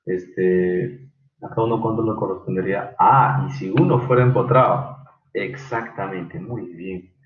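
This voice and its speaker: A low-pitched man teaches an online engineering class. He talks haltingly, full of fillers, and quizzes students by name. His voice comes through a thin, phone-like line in a roomy space with faint background noise. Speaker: engineering lecturer.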